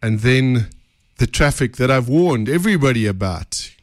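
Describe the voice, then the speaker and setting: Chatty radio host. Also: male voice, mid-range voice, normal speed, no room sound, clean studio sound. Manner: chatty, rambling, animated. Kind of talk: radio interview. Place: radio studio. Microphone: studio microphone.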